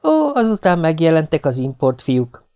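A man reading the lines of a calm, unflappable middle-aged mother in an audiobook, in a dry, matter-of-fact way. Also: on the high side, vocal fry, clean tone, voice pushed up, full character voice. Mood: wistful.

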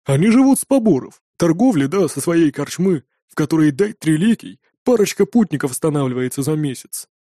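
A man's voice: on the high side, animated, fairly quick, hardly any pauses, mellow, no echo, studio quality. A man voicing Korg, a bitter, vengeful young male thrall who speaks urgently and insistently. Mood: informative.

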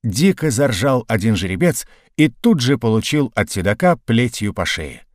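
Measured male audiobook narrator, dry sound. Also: mid-range voice, dry recording. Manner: measured storytelling read, lively in action. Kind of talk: scripted narration.

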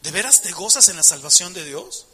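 A man's voice: high-pitched, lively intonation, a little fast, bright, forceful tone, slightly rough, long reverb tail. A man preaching a passionate sermon, emphatic, asking the audience rhetorical questions.

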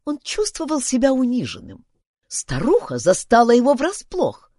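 Expressive woman reading a children's story. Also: a little high, normal speed, husky, no room sound, studio quality. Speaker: audiobook narrator. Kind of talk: scripted story narration.

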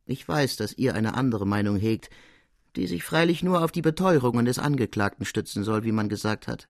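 A man's voice: mid-range voice, lively intonation, vocal fry, no echo, clean studio sound. A man reading a proud soldierly count. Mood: courtly. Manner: measured, courtly and emphatic. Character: proud soldierly male count, guards colonel.

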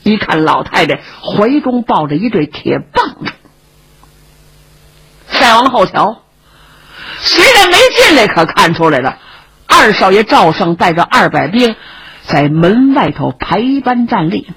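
A woman's voice: mid-range voice, big pitch swings, measured pace, pauses often, a bit bright, breathy edge. A woman performing traditional storytelling, narrating in a dramatic, rhythmic way.

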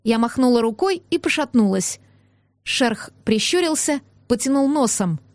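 A woman's voice: a little high, lively intonation, normal speed, a little mellow, no room sound, clean studio sound. Woman narrating an audiobook. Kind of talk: first-person novel narration.

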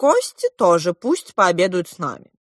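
A woman voicing a bossy, playful male king in a children's audiobook, giving loud commanding proclamations. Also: fairly low pitch, huge pitch swings, moderate pace, no echo, clean studio sound. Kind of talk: audiobook character voice.

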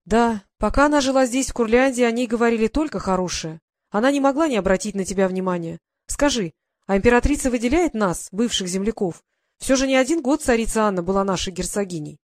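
Brief: woman playing a gentle aging baroness mother, worried and fond, storybook reading, dry close sound. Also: fairly high pitch, lively intonation, quick pace, dry recording, natural voice. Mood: tender.

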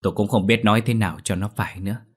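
A man voicing a rough-spoken, fretful older male villager in a storybook horror tale. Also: on the low side, fairly even intonation, very fast. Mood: worried.

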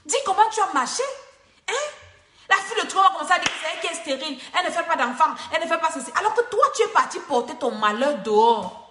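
High, bright-voiced woman preaching. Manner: emphatic, scolding, repeats phrases for force. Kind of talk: preaching exhortation. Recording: echoey room.

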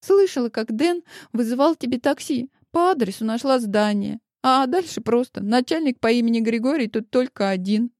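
A woman reading an audiobook voices an upset teenage girl, shrill and crying. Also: lively intonation, moderate pace, hardly any pauses, a little mellow, no room sound, studio quality. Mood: sniffling. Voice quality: shrill, squealing. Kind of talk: audiobook character voice.

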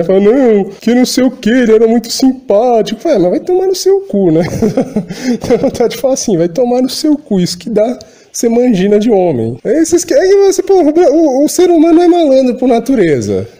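A man's voice: extremely high pitch, dark tone. A Brazilian man hosting his channel, delivering an agitated, profanity-laden rant. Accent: Brazilian Portuguese. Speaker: channel host. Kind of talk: ranting monologue.

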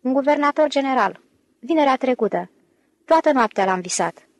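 Brief: confident, playful swindler in an audiobook, smooth and flattering, read by a woman. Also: sits high, pitched above the performer's own voice. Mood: ingratiating. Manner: breezy, ingratiating. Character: smooth-talking male con man, confident, playful. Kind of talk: audiobook character reading.

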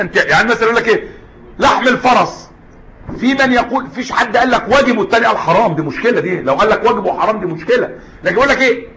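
Fast-talking Egyptian man lecturing. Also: sits high, pushed and bright, a little hiss or hum. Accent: Egyptian Arabic. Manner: switches between classical Arabic and colloquial, asks the class questions. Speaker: teacher of Islamic jurisprudence. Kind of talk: classroom lecture. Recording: dull lo-fi lecture recording.

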